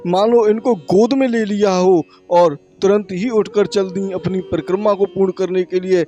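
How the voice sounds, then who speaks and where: A high-pitched man speaks urgently to his viewers as friends while filming a devotional pilgrimage vlog outdoors. He talks into a camera mic from a motorbike on a muddy road in the rain, with faint music underneath. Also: dark tone. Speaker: pilgrimage vlogger. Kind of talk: devotional travel vlog narration.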